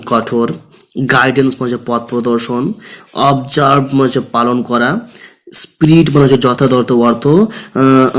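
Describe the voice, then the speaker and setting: A man teaching an English lesson, reading English phrases slowly, then explaining them in Bengali with many pauses and filler sounds. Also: mid-range voice. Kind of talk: recorded lesson explaining a text line by line.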